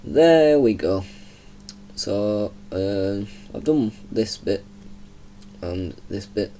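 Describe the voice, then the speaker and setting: A young man with a broad Yorkshire accent chats loosely as he plays, rambling and laughing softly now and then. His voice sits a little low and sounds warm and mellow. A faint hiss runs under the recording. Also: animated, very slow. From Yorkshire, England. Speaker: gaming channel host. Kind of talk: casual gameplay commentary.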